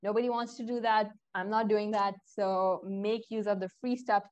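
A woman's voice: medium pitch, steady tone, normal speed, a little mellow, muffled recording. Chatty young woman host. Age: young adult. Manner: chatty, addresses listeners directly, self-correcting. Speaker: podcast host. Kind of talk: casual podcast chat.

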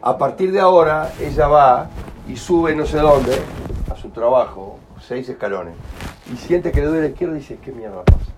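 Over a noisy background, a healing workshop leader with a Uruguayan Spanish accent talks in person to a small group at a moderate pace, his voice on the high side. He keeps it colloquial, illustrates points with acted everyday scenes, and checks understanding with frequent "¿entendés?"

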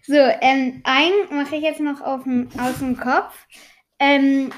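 A woman's voice: high-pitched, steady tone, slow. A woman casually telling jokes, often hesitating with fillers as she recalls them from memory.

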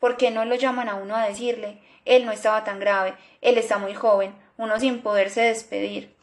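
A woman's voice: fairly high pitch, flat delivery, moderate pace, lightly acted. A woman reader voicing a distraught young sister who fires off pleading questions. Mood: anguished.

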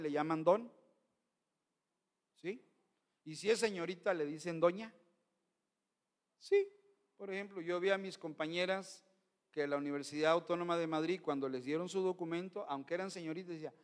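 A middle-aged man, preaching a Sunday sermon as pastor, emphatic and often calling out to his brothers in the congregation. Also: a little high.

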